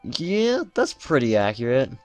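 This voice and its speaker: A man's voice: medium pitch, very animated, measured pace, a little mellow, smooth, no room sound, lo-fi sound, faint music behind. A man reading aloud and voicing a prickly, embarrassed teenage girl who answers with snappy, defensive retorts. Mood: sulky.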